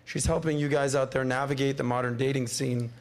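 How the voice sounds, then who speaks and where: Throaty, gravelly male podcast host. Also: medium pitch, steady tone, a little fast. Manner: joking, teasing. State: under the weather, worn throat. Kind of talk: casual panel banter.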